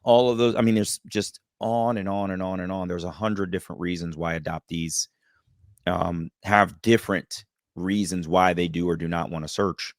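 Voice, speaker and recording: A man telling a personal story as a podcast guest, lively and acting out the voices of the people in it. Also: low voice, normal speed, no echo, clean studio sound. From United States. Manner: animated, acts out quoted voices. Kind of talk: storytelling in a casual interview.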